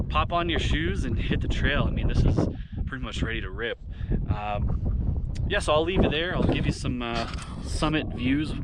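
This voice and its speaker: Laid-back man vlogging in loud wind. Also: mid-range voice. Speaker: hiking guide vlogger. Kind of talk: casual trail vlog narration to camera. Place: outdoors on a windy mountain ridge. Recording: loud wind buffeting the microphone outdoors.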